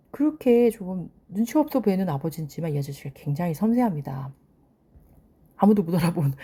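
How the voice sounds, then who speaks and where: Woman chatting through a drama recap, lively retelling, warm low voice. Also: gravelly, husky. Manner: animated retelling, commenting on characters. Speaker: drama reviewer.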